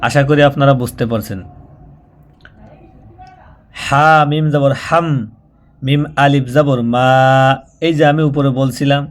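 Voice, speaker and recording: A man's voice: mid-range voice, steady tone. Patient man teaching recitation. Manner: patient, repetitive, slows down and draws out syllables when demonstrating. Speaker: Quran reading teacher. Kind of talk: spoken tutorial, spelling out and chanting syllables.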